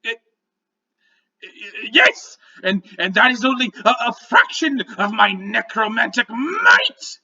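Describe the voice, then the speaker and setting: A small goblin villain from a tabletop game, croaks in a high, bright voice. He is indignant and theatrical, ranting like someone thoroughly fed up with heroes. The sound is slightly dull and lo-fi. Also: sing-song, slow, heavily acted. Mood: flustered boasting. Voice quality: croaky, shrill.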